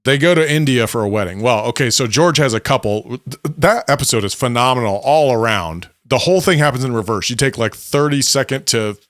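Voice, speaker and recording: A man's voice: mid-range voice, animated, brisk, few pauses, fairly bright tone, no room sound. Male podcast co-host, chatty storyteller, average voice, dead-dry recording. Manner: rambling, enthusiastic retelling with many restarts. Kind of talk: casual chat.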